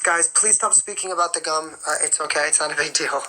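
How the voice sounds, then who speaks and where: Over a noisy background, a man with a fairly high voice speaks fast. He's a singer and performer hosting a live stream, chewing gum through a motivational talk, pressing his points and repeating key phrases.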